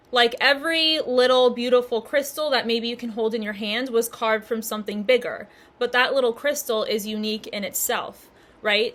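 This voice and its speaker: A young woman casually teaching about spirituality to her channel viewers, upbeat and often laughing as she talks. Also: a little high. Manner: warm, giggly, upbeat with frequent laughter.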